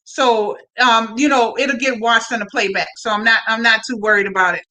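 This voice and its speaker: A woman with a high voice chats through a live stream in a loose, slangy way. She talks straight to her viewers and often repeats herself as she recaps. Her tone is bright and sharp. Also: steady tone, a little fast, poor audio. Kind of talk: casual reality-TV recap chat.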